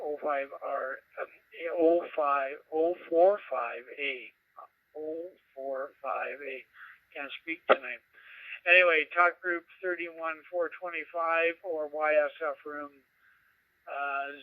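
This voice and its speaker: A man runs an amateur radio net, his slightly high, smooth voice coming through a scanner radio. The sound is dry and dull, like a lo-fi radio receiver. He talks haltingly with many fillers as he reads out call signs. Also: dry recording. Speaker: net control.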